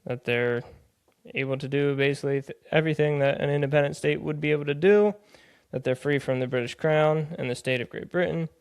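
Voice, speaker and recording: A man hosting a podcast reads aloud from a text and explains it in a plain-spoken, conversational way, often paraphrasing loosely with phrases like "hey" and "they're like." His voice is a little high, smooth, and fairly quick.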